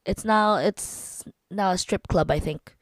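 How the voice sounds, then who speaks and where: Woman from the philippines teasing her husband on a podcast, mid pitch, dry sound. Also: measured pace, no echo. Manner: teasing, lively banter. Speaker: podcast co-host. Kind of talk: casual podcast chat.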